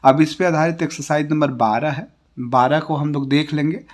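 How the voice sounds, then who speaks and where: An Indian man teaching a classroom lesson, spelling words out letter by letter in a slow, patient way and dropping his voice at the end of each example. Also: a little high, steady tone. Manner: ends each example with a falling tone.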